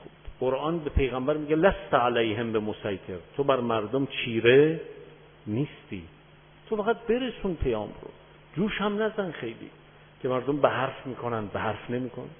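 Animated male counselor, echoey and tinny. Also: medium pitch. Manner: animated, uses rhetorical questions and anecdotes. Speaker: marriage counselor. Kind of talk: lecture on marriage with anecdotes. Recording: echoey hall over tinny phone-like audio.

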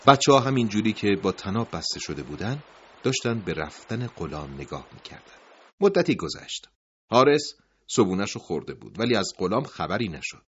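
A man's voice: lowish voice, very animated, fairly bright tone, slightly rough. A man narrating a dramatic story in a grave, emotive voice, in a dull lo-fi recording.

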